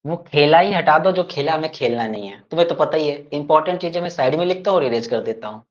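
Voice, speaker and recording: A man's voice: a little high, expressive, fast, highs cut off. A man teaching an online grammar class, playful and teasing his students as he explains. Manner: addresses students fondly as kids.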